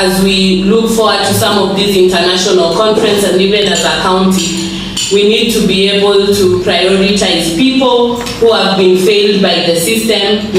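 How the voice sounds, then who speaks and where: Echoey podium speech by a Kenyan woman. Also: mid-range voice. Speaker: speaker at a health programme launch. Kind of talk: formal podium speech, read from prepared text. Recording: echoey venue, distant microphone, faint noise.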